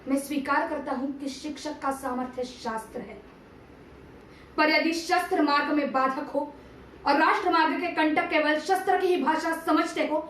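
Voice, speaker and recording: An amateur performer gives a theatrical monologue from a TV serial, her voice sitting high with a fairly bright tone. Speaking as a stern, patriotic male teacher-statesman of ancient India, she uses formal diction in a solemn, declamatory, oratorical style. The mic is distant, the space roomy, and faint noise lingers behind her.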